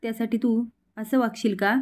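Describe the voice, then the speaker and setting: Woman voicing a gentle pleading father. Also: a little high, flat delivery, moderate pace, natural voice.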